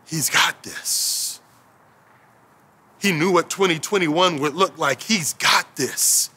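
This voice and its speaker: A man in his thirties delivers a sermon from an indoor stage, speaking into a headset mic. His voice sits high and bright. He repeats key phrases for emphasis and sinks into quiet, low declarations. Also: slow, slightly rough. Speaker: pastor. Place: indoor stage with string lights.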